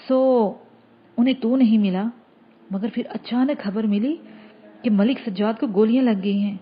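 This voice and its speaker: A comforting elderly mother from a spoken audio novel, as a woman reader puts her on. Her voice sits a little higher and husky, and the audio sounds slightly dull and lo-fi. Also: close to an everyday voice. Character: elderly village mother, soothing and reassuring.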